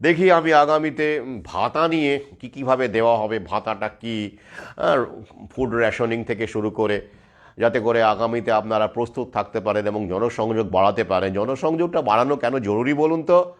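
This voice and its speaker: A man's voice: mid-range voice, moderate pace. A man speaking straight to his viewers in an urgent monologue, stressing his points with rhetorical questions. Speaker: video commentator.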